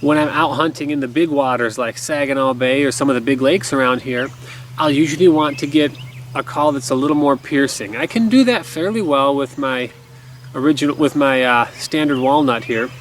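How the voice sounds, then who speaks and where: This duck call lesson comes from a man in his thirties with a medium-pitched voice at normal speed, explaining things in an easygoing, casual manner. He stands in a garden bordering woods, filmed by a camera a few feet away. Outdoor background noise is audible.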